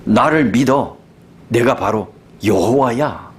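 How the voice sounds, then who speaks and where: A pastor voicing God, bold and commanding. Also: male voice, mid-range voice, takes it slowly, pitched below the performer's own voice, natural voice. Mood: stern. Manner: bold, emphatic, reassuring. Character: God speaking to a discouraged prophet, commanding.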